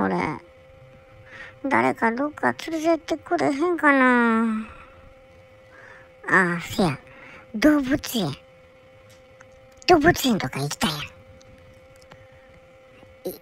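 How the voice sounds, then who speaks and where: A woman's voice: on the high side, very animated, measured pace, creaky, long pauses, slight background noise, heavily acted, poor audio. A woman voicing a bored, whiny young male polar bear cub who rambles and grumbles to himself with a Kansai accent. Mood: bored grumbling. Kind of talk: comic character monologue.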